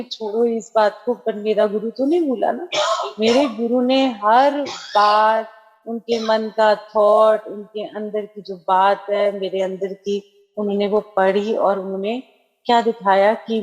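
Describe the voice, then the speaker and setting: A woman's voice: mid-range voice, darkish tone, muffled recording. A middle-aged woman, telling a personal devotional story in a chatty way, dropping in English phrases, over a remote call. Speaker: devotee sharing a testimony.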